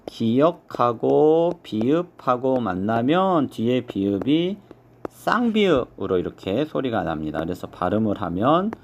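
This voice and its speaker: A man teaching an exam review lesson, explaining step by step and slowly modeling each pronunciation. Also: mid-range voice, very animated, lo-fi sound, slight background noise.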